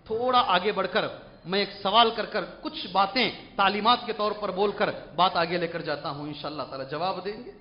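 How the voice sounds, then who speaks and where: Man, very high voice, emphatic Quran lecture, scholar questioning listeners, long mosque reverb. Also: lo-fi sound. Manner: emphatic, asks the audience questions. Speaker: Islamic scholar. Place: large mosque hall.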